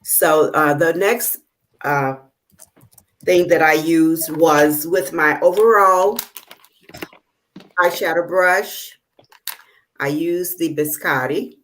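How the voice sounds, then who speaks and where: Woman host, low voice, casual halting tutorial patter on a video call. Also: a bit bright. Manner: halting, many fillers while working; checks the viewers can see. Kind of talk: casual live demonstration.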